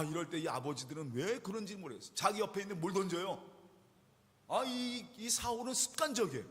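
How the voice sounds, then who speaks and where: High-voiced man preaching in an echoing church. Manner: animated storytelling with rhetorical questions. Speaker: pastor. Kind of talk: sermon. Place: church sanctuary. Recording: reverberant church hall.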